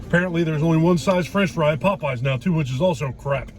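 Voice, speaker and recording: A man's voice: a little high, quick pace, darkish tone. A man rambling casually to a camera in a car, chewing food as he talks, profane and teasing. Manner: chewing while talking, eating as he speaks. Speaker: vlog host. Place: inside a car.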